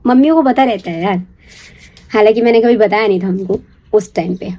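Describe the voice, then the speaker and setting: A young woman casually telling a personal story in a chatty, confiding way, checking in with the listener and slipping into a hushed whisper for the secret parts. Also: medium pitch, fairly quick. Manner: chatty, confiding, keeps asking "you get it?"; drops to a hushed whisper when acting out secrecy. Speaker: storyteller recalling her first love.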